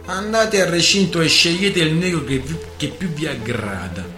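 A man voicing a furious, coarse male pirate captain with a gruff, cursing manner. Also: lowish voice, big pitch swings, moderate pace. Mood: angry. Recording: roomy with music behind.

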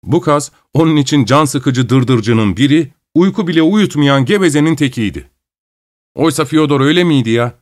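A man reading a story aloud as an audiobook narrator, in calm, measured storytelling. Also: on the high side.

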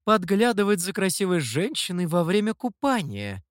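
A man's voice: high-pitched, sing-song, moderate pace, dry recording, clean studio sound, voice pushed up. A man voicing a playful, vain fox demoness who teases and pouts in a storybook reading. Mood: indignant. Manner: teasing, coy.

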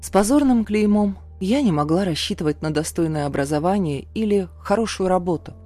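A woman reading a first-person story aloud in a calm, even narrating manner. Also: fairly low pitch, brisk, soft background music. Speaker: audiobook narrator.

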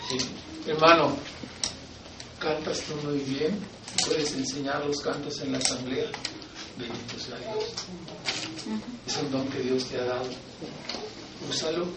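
A man's voice: mid-range voice, steady tone, measured pace, long pauses, roomy sound, distant mic, heavy background noise. A man with a Mexican Spanish accent preaching a sermon as pastor, emphatic, posing rhetorical questions and answering them. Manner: emphatic, rising to loud exhortation, asks and answers rhetorical questions.

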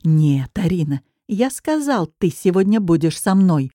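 A drunk young guy in an audiobook, menacing and slurred, who won't take no for an answer, as a woman voices him. the voice stays low and mellow, and it's a dry, close recording. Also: very animated, measured pace, no room sound. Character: drunk pushy young male fitness trainer.

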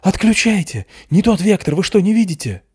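A man voicing a cautious, blunt senior Soviet scientist who warns loudly. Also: mid-range voice, animated, normal speed, no echo, clean studio sound, lightly acted. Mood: alarmed shouting. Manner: loud, blunt, angry warnings.

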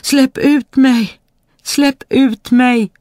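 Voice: fairly even intonation, a little mellow, no echo, studio quality, natural voice. A narrator voicing a huge, boastful spirit trapped in a bottle, in a storybook reading, crying out and threatening. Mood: pleading. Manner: shrill pleading cries, then booming threats.

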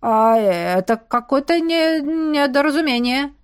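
A woman's voice: high-pitched, expressive, unhurried, pitched above the performer's own voice. A woman doing a stammering, whiny younger brother. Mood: defensive, whining. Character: nervous young man, a scheming red-haired younger brother.

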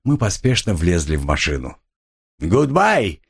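A man reads a travel story aloud in a dramatic, expressive style. His mid-pitched voice rises and falls with lively swings. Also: moderate pace. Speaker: narrator. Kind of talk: audiobook narration of a travelogue.

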